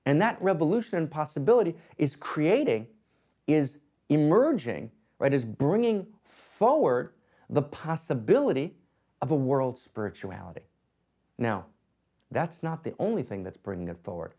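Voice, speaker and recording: A man's voice: fairly high pitch, very animated, normal speed, warm tone. A man giving a spiritual teaching talk, emphatic, often tagging his points with rhetorical questions. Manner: emphatic, frequent rhetorical "right?".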